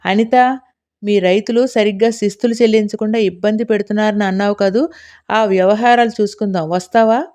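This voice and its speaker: A woman's voice: medium pitch, fairly even intonation, a little fast, a little mellow, lightly acted. An impatient young man, read by a woman narrator. He speaks curtly and shows his irritation. This is a storybook reading. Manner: curt and impatient. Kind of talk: audiobook character reading.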